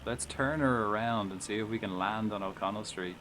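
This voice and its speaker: A man's voice: on the low side, brisk, noisy background. A man with an Irish accent giving casual, rambling live commentary while he plays a flight game, swearing and chatting back to viewers.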